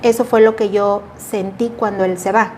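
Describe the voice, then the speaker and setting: A woman's voice: medium pitch, steady tone, moderate pace, darkish tone, a little hiss or hum. A middle-aged woman giving an earnest, reflective personal testimony as an interview guest. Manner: earnest, reflective, acts out remembered dialogue. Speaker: guest sharing a personal story.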